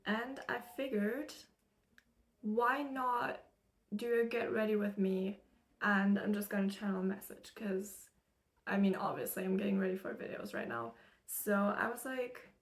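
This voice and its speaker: A young German woman with an American English accent, a spiritual channeler and content creator, does her makeup in her room in a casual get-ready-with-me chat. She's medium-pitched and a little slow, chatty and rambling, laughing often and using many fillers. She's recorded close-up, with the camera serving as her mirror.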